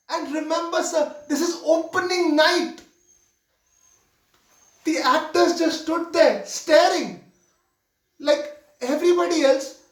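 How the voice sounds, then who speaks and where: A nervous young theater usher, played by a man stumbles through a confession on his first night, stammering and apologetic. The voice sits high and unhurried. It sounds roomy and picked up from well away from the mic. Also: fairly bright tone, far from the mic, heavily acted. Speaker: actor performing a monologue. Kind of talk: theatrical monologue.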